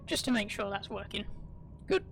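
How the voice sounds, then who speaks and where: A woman streamer gives rambling, chatty live commentary while playing, often stopping to correct herself over game music. Her medium-pitched voice is expressive and a little crackly with vocal fry, at a moderate pace.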